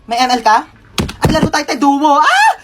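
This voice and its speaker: A woman's voice: sits high, normal speed. A woman acting out sassy comedy skits, switching between characters with exaggerated delivery. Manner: sassy, exaggerated, playing many roles. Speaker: comedy skit creator. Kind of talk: comedic skit role-play. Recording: noisy home video.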